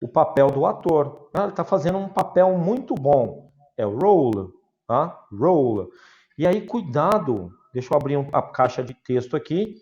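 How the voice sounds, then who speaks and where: A man's voice: a little high, big pitch swings, a little slow, a little mellow, highs cut off. Brazilian man teaching English online. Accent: Brazilian Portuguese. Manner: explains patiently with examples. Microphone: video call.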